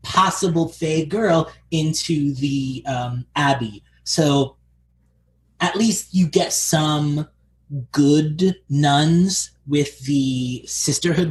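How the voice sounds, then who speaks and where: A man co-hosting a casual podcast chat about a TV show, thoughtful and rambling with fillers. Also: medium pitch. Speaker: podcast co-host. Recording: echoey room with faint noise.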